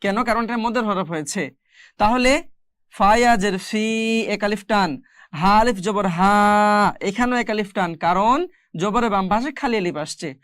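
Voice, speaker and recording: A patient Quran reading teacher gives a step-by-step recitation lesson, naming each letter and vowel mark before slowly drawing the word out. The voice sits at a middle pitch and sounds close and dry, with no room around it. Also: fairly bright tone, dry recording. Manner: spells out letters and vowel marks one by one, then slowly draws out each word; patient, explanatory, addressing viewers directly.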